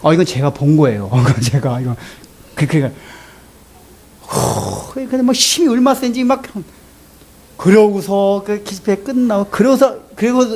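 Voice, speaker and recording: Pastor guy preaching, high voice that jumps all over, storytelling, laughs a lot. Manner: storytelling, animated, laughs often. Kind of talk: sermon.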